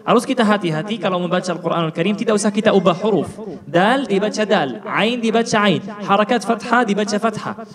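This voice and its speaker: A high-pitched man teaches Quran recitation, repeating each syllable carefully to model it and quizzing the room. His voice rings with a long hall reverb, and a crowd is clearly audible behind him. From Palestine. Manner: deliberate, repeats sounds to model pronunciation, quizzes listeners.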